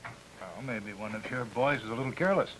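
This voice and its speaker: An actor playing a patient, wryly affectionate father and store manager in a 1950s drama, brisk and mildly exasperated. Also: fairly low pitch, a bit bright, close to an everyday voice. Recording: noisy 1950s broadcast recording.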